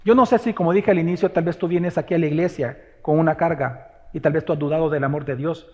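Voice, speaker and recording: A man preaches a sermon to his congregation and keeps putting questions to them. His voice sits high and stays emphatic as he presses his points. A long reverb from the church hall trails behind every line. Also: fairly even intonation, fast. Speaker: pastor. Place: church sanctuary.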